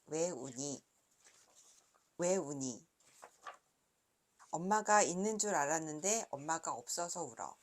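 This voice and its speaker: A woman in her thirties, a picture book author, reading her book aloud gently and then chatting softly about it with light laughs. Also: lowish voice.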